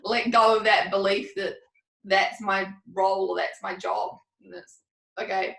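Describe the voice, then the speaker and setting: A woman in a relaxed podcast chat, open and rambling, with easy laughs in her talk. Her voice sits a little away from the mic. The room around her rings noticeably. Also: mid-range voice, measured pace, creaky. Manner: rambling, candid, laughs often. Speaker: podcast co-host. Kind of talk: casual chat. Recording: roomy, a bit distant from the mic.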